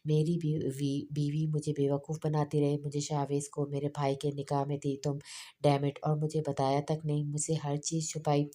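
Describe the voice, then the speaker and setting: A stern, hot-tempered young husband , read by a woman narrator in an audiobook novel. The voice sits very low and mellow, with clipped, sharp phrasing and little rise and fall. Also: completely flat delivery, moderate pace, lightly acted. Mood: angry.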